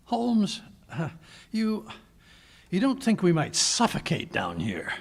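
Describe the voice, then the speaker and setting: A man's voice: high-pitched, wildly swooping pitch, slow pace, gravelly, breathy edge, heavily acted. A man acting a flustered, anxious English doctor sidekick in a 1940s-style radio drama, blustering and stammering. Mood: nervous.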